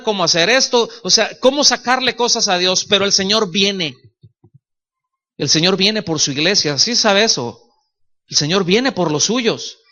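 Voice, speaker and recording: A man's voice: high-pitched, sharp tone. A male pastor with a Mexican Spanish accent, preaching a sermon in a conversational way, often asking the congregation questions and acting out little dialogues, sometimes sarcastic. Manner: sarcastic at times.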